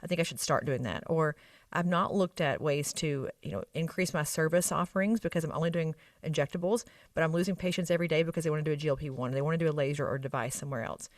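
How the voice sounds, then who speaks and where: A woman's voice: low-pitched, fast, no room sound, studio quality, recorded from a distance. A woman with an Arkansas Southern accent explains things emphatically in a conversational expert interview, often checking in with short tag questions. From Arkansas, United States. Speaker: guest expert on medical spa practice operations.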